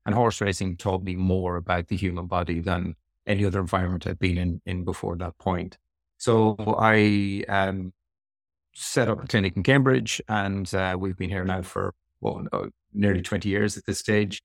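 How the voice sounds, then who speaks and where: A man's voice: sits low, normal speed, creaky, dry recording, studio quality. A middle-aged man with a west of Ireland accent, explaining things reflectively as a guest in a conversational interview. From Sligo, west of Ireland.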